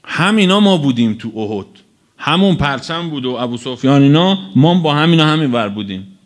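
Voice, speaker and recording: A man's voice: on the high side, lively intonation, natural voice. A man preaching in a sermon, briefly voicing an old male companion who wistfully remembers a past battle.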